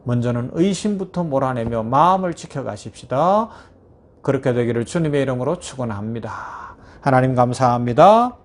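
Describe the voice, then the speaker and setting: A male pastor giving a morning devotional sermon, preaching with lively rhetorical questions to his listeners. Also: mid-range voice, a little fast.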